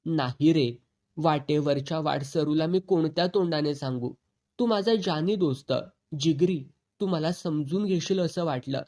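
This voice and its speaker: A man's voice: a little high, measured pace, warm tone, lightly acted. A man voicing a desperate male friend who begs for help, in a helpless, pleading tone.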